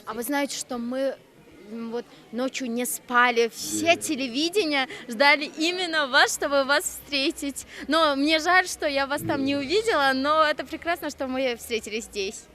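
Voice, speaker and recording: A woman's voice: sits high, normal speed, bright, forceful tone. A woman from Tajikistan, working as a TV reporter, chatting and prodding with questions in an informal interview. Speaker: TV reporter interviewing festival participants.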